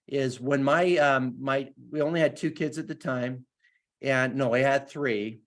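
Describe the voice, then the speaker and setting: A man speaking as a guest, giving an earnest, enthusiastic motivational talk and then answering questions, often restarting his sentences. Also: mid-range voice.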